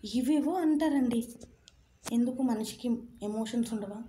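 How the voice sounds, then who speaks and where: An earnest woman speaks straight to her audience in a motivational talk, pressing them with rhetorical questions. Her voice sits fairly high but sounds mellow and soft-edged. A faint noise runs under the recording. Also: a little slow. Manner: earnest, rhetorical questions, mixes English phrases.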